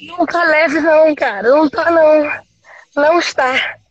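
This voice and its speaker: A woman's voice: high-pitched, fairly even intonation, moderate pace, highs cut off. A Brazilian woman with a Brazilian Portuguese accent, out of breath and complaining as she works out on a livestream. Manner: groaning and complaining through the effort. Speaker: livestream host doing a workout. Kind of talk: casual chat during exercise.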